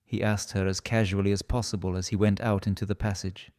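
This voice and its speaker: A man's voice: lowish voice, flat delivery, brisk, a little mellow. A man with a Russian accent reading literary fiction aloud as a scripted audiobook narration.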